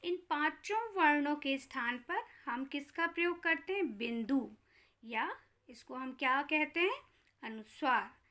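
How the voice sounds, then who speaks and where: A woman with a high, bright voice teaches young children, talking slowly and clearly. She puts questions to her pupils and answers them herself, sounding out each letter with care. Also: animated. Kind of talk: Hindi grammar lesson for children.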